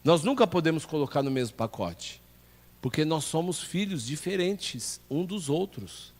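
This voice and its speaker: A man's voice: on the high side, lively intonation, moderate pace, darkish tone. A man with a Brazilian Portuguese accent, a pastor teaching a ministry class in a church, who puts questions to the class and answers them himself. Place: church hall. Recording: long hall reverb.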